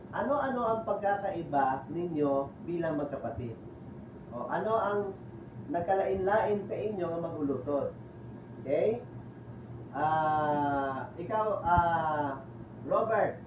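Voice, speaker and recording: A man teaches children at a slow, patient pace, sounding out each syllable. His somewhat high voice comes from a distance in an echoey room, with faint noise behind it. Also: fairly bright tone. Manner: mixes Tagalog with English and Ilonggo. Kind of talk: classroom teaching demo.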